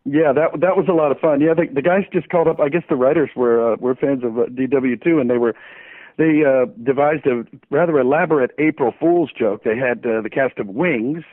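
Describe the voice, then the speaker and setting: A man's voice: medium pitch, a little fast, no room sound. A man from New Orleans, a voice actor guest, telling jokey stories with chuckles over the phone. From New Orleans, USA. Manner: playful, jokey storyteller with frequent chuckles. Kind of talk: phone interview chat. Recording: tinny dry phone line.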